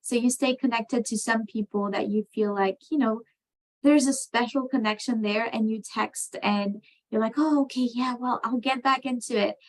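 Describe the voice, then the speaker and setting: A woman's voice: fairly high pitch, fairly even intonation, normal speed, poor audio. Woman from France on a video call. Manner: thoughtful, many ums and you knows. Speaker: program participant.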